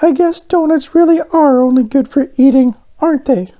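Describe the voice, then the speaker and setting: Very high, squeaky little cartoon doughnut. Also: male voice, moderate pace, warm tone. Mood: sad, tearful. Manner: eager, earnest, childlike. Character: Arnie, a small eager cheerful male talking doughnut.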